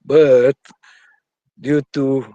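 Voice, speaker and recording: Casual male caller, Eastern European accent, mellow timbre, mid-pitched, talking informally into a phone. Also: level tone, drawn-out words, no room sound, lo-fi sound. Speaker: guest caller. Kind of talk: casual live audio chat. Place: outdoors on a terrace at night.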